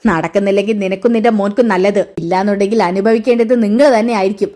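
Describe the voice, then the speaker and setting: A woman's voice: mid-range voice, steady tone, quick pace, mellow, natural voice. Stern old grandfather, as a woman retells him. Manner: stern, admonishing.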